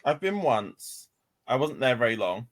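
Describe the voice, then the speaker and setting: A young man joins a casual podcast chat with brief, measured replies. His pitch jumps and dips expressively even when he keeps it short.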